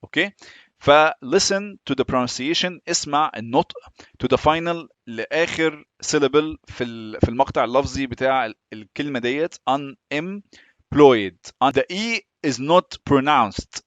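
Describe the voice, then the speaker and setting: A man with an Egyptian Arabic accent teaching English step by step, often pausing to check that the listener is following. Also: medium pitch, a bit bright, dry recording, highs cut off. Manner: patient, often checks in with "تمام؟". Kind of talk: explaining English lessons in Arabic.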